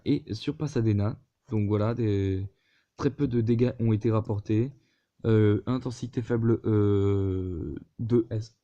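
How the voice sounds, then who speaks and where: A man's voice: lowish voice, mellow. A man hosting a casual weather vlog from his computer, hesitant, with many fillers and restarts. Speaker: weather video host. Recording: dull lo-fi recording.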